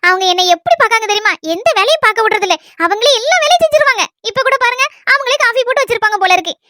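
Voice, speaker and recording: A woman's voice: very high-pitched, expressive, rapid-fire, bright, forceful tone, no echo, exaggerated voice. A woman with a Kanyakumari Tamil accent voicing a sweet, reassuring young married granddaughter in a comedy skit. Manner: eager, reassuring. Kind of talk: comedy skit role-play.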